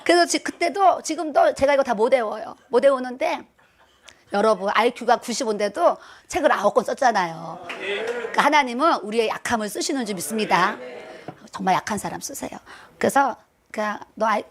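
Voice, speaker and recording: A middle-aged woman preaching a sermon as a pastor's wife. Her voice sits high for a woman. She drives her points home with repetition and lightens them with chuckling, self-deprecating asides.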